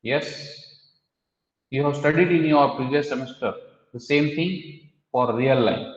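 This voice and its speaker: A man's voice: mid-range voice, a little slow. A man lecturing a mathematics class, explaining step by step and quizzing students. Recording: echoey hall, dull lo-fi sound.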